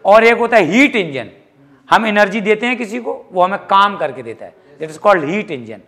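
Lively, high-voiced man teaching physics. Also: moderate pace. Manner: lively, jokey, mixes English terms into Hindi. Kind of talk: classroom lecture.

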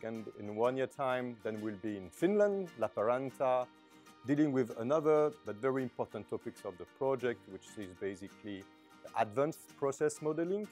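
A man's voice: mid-range voice, darkish tone. Middle-aged man describing training programmes. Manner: informative, hesitant fillers. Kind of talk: interview. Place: large bright indoor hall.

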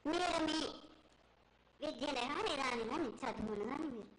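A woman's voice: high-pitched, lively intonation, moderate pace, fairly bright tone. A woman speaking as a festival oracle in a declamatory, repetitive prophetic trance voice. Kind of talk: ritual prophecy spoken as the goddess. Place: temple festival ceremony. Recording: echoey, very noisy live festival broadcast.

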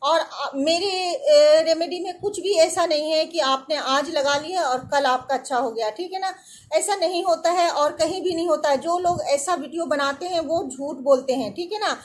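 A woman's voice: sits high, moderate pace. A woman in her thirties talks casually to her viewers from an indoor room, giving earnest, reassuring skincare advice and often asking if they follow. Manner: earnest, reassuring, often adds "theek hai na". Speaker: beauty and skincare vlogger.

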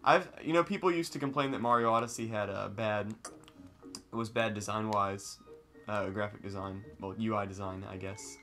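A young man giving casual, excitable, joking commentary as he hosts a game playthrough. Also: fairly low pitch, normal speed, soft background music. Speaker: let's play host.

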